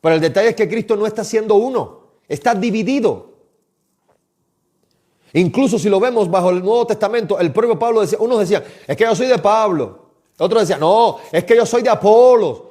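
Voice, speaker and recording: A man's voice: sits high, expressive, fairly quick, darkish tone. A man preaching a live-streamed sermon, impassioned and exhorting, often calling his listeners his beloved. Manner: impassioned, exhorting, addresses listeners as "mis amados".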